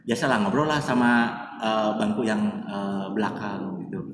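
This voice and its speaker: A man's voice: on the low side, moderate pace. Chatty man telling a story in an echoey room. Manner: chatty, calls himself by his own name, many fillers. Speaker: guest storyteller. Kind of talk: casual storytelling in a podcast interview. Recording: echoey distant room with faint noise.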